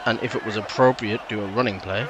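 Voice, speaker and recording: A man's voice: fairly low pitch, steady tone, fast. A man giving casual, understated commentary on his own video game play, thinking aloud as he goes. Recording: game noise behind voice. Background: football video game commentary and crowd.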